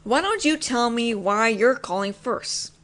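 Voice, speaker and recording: A young woman voices a possessive, teasing roommate in an intimate audio roleplay, speaking low and lingering, now and then dropping into whispers. Her delivery is animated and a little slow, with a fairly bright tone.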